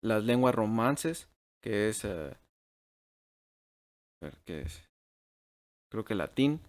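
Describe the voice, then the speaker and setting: A man's voice: lowish voice, big pitch swings, slow. A man teaching a Bible class over shared slides at a computer mic, checking in with "ok?" after nearly every phrase and dropping English words into his Spanish.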